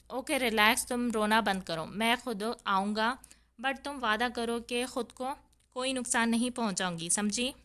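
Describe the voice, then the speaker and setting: A woman voicing a stern young man who scolds curtly, then calms his beloved. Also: on the high side. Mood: soothing. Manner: curt, scolding.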